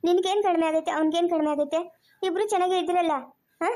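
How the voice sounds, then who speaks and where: Woman playing a stern preachy auntie type, chikkaballapur accent, high voice, rattles along quickly. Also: steady tone, warm tone. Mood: scolding. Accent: Chikkaballapur Kannada. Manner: scolding, preachy. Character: stern older woman scolding a grieving relative. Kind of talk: family drama acting.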